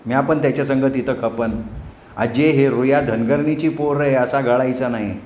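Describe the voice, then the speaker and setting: A man's voice: mid-range voice, fairly even intonation, moderate pace, darkish tone, natural voice. A man voicing a cheerful young pregnant herder wife speaking rustic village dialect, in an echoey room. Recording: echoey room, faint noise.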